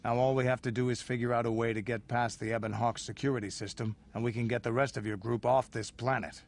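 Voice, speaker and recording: An actor playing a gruff, hardened male mercenary with a gravelly voice. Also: mid-range voice, level tone, quick pace, lightly acted.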